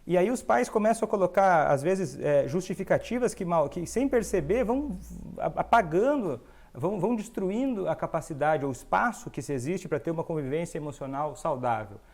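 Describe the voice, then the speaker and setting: A Brazilian man hosting an educational monologue, explaining calmly and now and then acting out the voices of children and parents. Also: a little high, moderate pace. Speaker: host, doctor.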